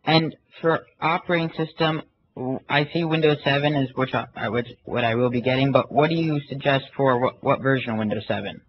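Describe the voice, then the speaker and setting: A man speaking casually and haltingly, asking questions in the manner of a phone inquiry. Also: medium pitch, husky. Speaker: prank caller. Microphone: phone call. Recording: muffled, noisy phone call recording.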